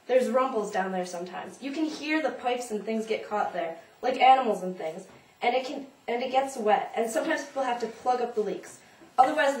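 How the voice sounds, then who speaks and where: Flustered rambly old lady who keeps dodging , a woman putting her on, bit high, echoey room, mic far off. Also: natural voice. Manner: rambling, flustered, dodges the question. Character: nervous, evasive old woman, elderly. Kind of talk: audition monologue. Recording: roomy, from a distance, faint noise.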